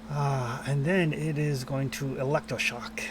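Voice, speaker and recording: A man's voice: medium pitch, steady tone, unhurried, faint music behind. A man narrating and refereeing a tabletop roleplaying game as game master.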